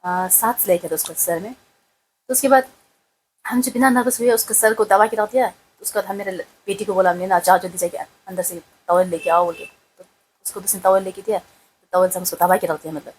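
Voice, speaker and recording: A woman's voice: mid-range voice, fairly even intonation, a little fast, darkish tone, a little hiss or hum, low-quality recording. A woman recounting a family accident in a rambling, emotional way, full of fillers. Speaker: wife of the vlogger. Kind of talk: casual storytelling.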